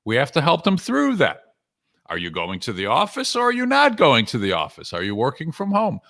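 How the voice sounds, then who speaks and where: A sales coach and author hosts a live webinar, speaking to viewers conversationally in short, punchy phrases full of rhetorical questions. His mid-range voice swoops wildly in pitch, moves a little fast, and sounds creaky with a fairly bright tone.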